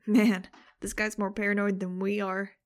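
A woman's voice: medium pitch, flat delivery, moderate pace, close to an everyday voice. A woman voicing a blind, wisecracking teenage boy with an offhand, wry way of talking.

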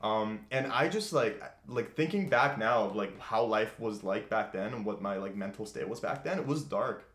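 Young guy from austria hosting a podcast, kinda low voice, loose and swearing a lot, echoey room. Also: moderate pace, hardly any pauses, a bit bright. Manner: loose and candid, lots of "like" and swearing. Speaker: podcast host. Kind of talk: casual podcast chat.

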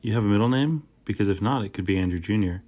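A man reading a children's audiobook, voicing a curious, teasing schoolboy who talks in a quick, matter-of-fact way. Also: on the low side, darkish tone, lightly acted. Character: curious, bossy schoolboy friend. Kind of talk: audiobook character voice.

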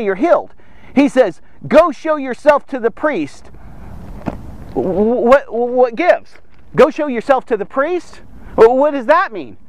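A man hosting a Bible devotional podcast, teaching in a casual, jokey and energetic way and repeating words for emphasis. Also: very high voice. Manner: energetic, jokey and conversational, with many asides to listeners.

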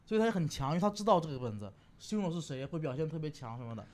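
Young man, quick and high, lively storyteller for a comedy panel chat. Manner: animated storyteller, acts out quoted lines. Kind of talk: casual chat.

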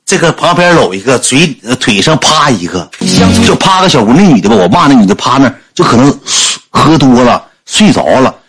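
A man's voice: mid-range voice, brisk, breathy edge, soft background music. A man with a Northeastern Chinese accent telling a funny anecdote on a livestream and acting out the people in it. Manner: animated, acts out the people in his story. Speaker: storyteller. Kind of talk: comic anecdote storytelling on a livestream.

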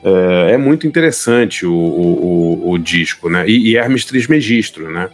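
A man in casual chat, talking thoughtfully with many pauses and restarts as co-host. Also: deep voice, lively intonation, faint music behind. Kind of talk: casual chat about music.

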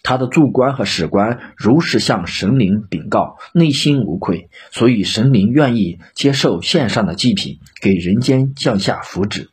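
A man voicing a shrewd, calm old chancellor who speaks in a measured, admonishing way. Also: lowish voice, slightly rough, heavily acted.

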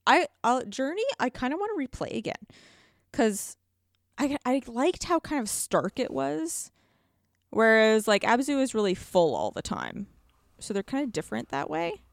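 An enthusiastic woman co-hosting a video game podcast chats and reviews games casually and emphatically. Her gravelly voice is on the high side, with big pitch swings and a moderate pace, recorded clean in a studio with no echo.

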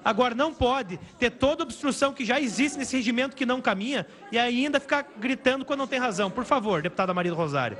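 A man chairing a heated parliamentary session, exasperated and talking over shouting. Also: very high-pitched, animated, fast, hardly any pauses. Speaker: committee chair. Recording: loud crowd noise in a chamber.

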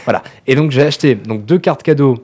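A man co-hosts a relaxed tech podcast. He speaks at a brisk clip and slips into the voices of the people in his stories as he tells them. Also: mid-range voice, slightly rough. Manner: animated, tells anecdotes acting out quoted dialogue. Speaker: podcast co-host. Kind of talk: casual podcast chat.

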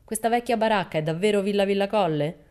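A woman voicing a stern, dismissive gentleman with a curt, scolding manner. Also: low voice, animated, brisk. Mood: brusque.

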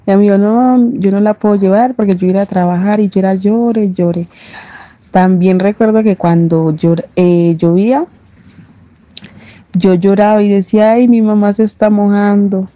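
A woman with a Paisa Colombian accent gives a reflective personal testimony in a very dark, mellow voice. The sound is dry and close, with almost no room in it. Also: mid-range voice, steady tone, no room sound, dull audio. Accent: Paisa Colombian Spanish. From Medellín, Colombia. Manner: reflective, unhurried recollection. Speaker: interviewee, daughter of a domestic worker.

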